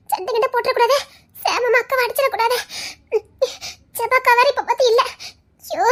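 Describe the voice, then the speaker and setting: Woman voicing a shrill hurt young wife. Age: young adult. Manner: tearful, pleading, rising to shouts. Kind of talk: Tamil audio drama.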